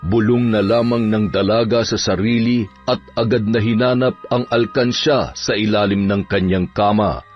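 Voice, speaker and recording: Male narrator, steady scripted storytelling, muffled audio, soft background music. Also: on the low side, normal speed.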